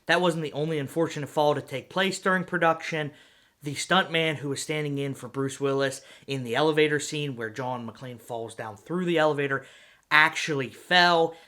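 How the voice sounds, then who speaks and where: Bright-voiced male trivia narrator. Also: a little high. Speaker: video essay narrator. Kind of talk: conversational film-trivia narration.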